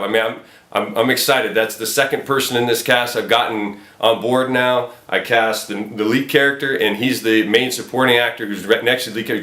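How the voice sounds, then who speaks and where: A lowish male voice with a sharp tone, recorded with echoey room sound. In the role of a film director casting an actor, he talks casually and encouragingly, part phone call, part talk to viewers.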